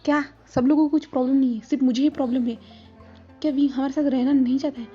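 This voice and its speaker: A woman voices a stern grandmother in a storybook retelling, speaking in an indignant, scolding way. The voice is a little high but dark and mellow. Soft music plays under a slightly muffled recording. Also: steady tone, brisk, slightly rough.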